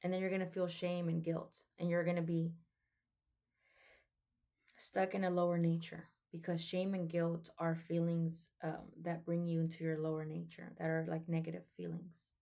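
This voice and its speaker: A woman's voice: lowish voice, completely flat delivery, normal speed, vocal fry, mellow. A young woman giving an earnest, preachy motivational talk in a casual way, often saying "like" and "um.". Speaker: vlogger.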